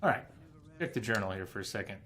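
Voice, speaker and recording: Animated, quick and forceful, a game streamer with a lowish, bright voice narrates his playthrough live and reads lore aloud to his audience.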